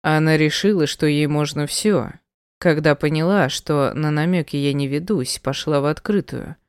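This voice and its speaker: A woman reading an audiobook voices a stern man who gruffly insists on being heard. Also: low voice, normal speed, dry recording, clean studio sound. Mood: insistent. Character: stern man, the narrator's former lover.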